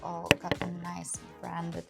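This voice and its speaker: A woman's voice: on the low side, monotone, slow, creaky, over loud music. A woman lifestyle vlogger with an upbeat, enthusiastic manner, chatting casually and narrating her days. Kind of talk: casual vlog narration and haul chat.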